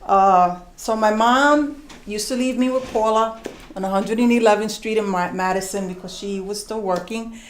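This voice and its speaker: A middle-aged woman tells a personal story to a live audience, drawing out words for emphasis and slipping into voices as she goes. Her voice carries a roomy echo from the venue. A faint ambient hum sits under it. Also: mid-range voice. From New York, USA. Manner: animated, conversational, acts out voices and slows for emphasis.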